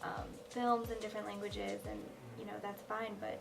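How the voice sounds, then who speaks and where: Gravelly-voiced young woman student. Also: mid-range voice, moderate pace, music in the background, rough recording. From Minnesota. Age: young adult. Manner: relaxed, many fillers. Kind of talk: documentary interview.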